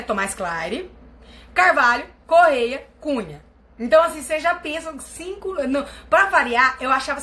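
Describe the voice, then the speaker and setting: Brazilian lady on a live stream, high voice, super animated, swings up and down a lot telling stories. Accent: Brazilian Portuguese. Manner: animated storytelling with big pitch swings. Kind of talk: casual live-stream talk to viewers.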